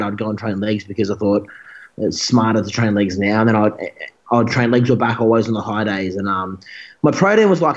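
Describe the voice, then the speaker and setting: A man's voice: mid-range voice, dull audio. A young man telling a long story as a guest in a casual interview, rambling and restarting his sentences. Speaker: guest bodybuilder.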